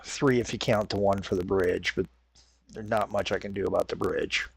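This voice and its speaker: A gaming channel host with a head cold does casual let's-play commentary, stuffed up and raw-throated, rambling, correcting himself, and apologizing as he plays. His fairly low voice is gravelly and husky, steady in tone at a normal speed, with no echo.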